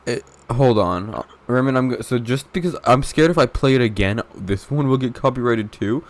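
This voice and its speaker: A young man co-hosting a podcast in casual chat, rambling and interrupting himself, with deadpan teasing. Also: mid-range voice, moderate pace. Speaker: podcast co-host.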